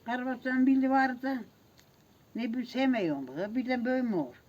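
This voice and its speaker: A woman's voice: high voice, animated, fairly quick, a little mellow, highs cut off. An older woman with toothless speech, chatting casually outdoors and often giving pious blessings. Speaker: garden owner. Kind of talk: casual chat. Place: outdoors in a garden. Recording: noisy outdoor ambience.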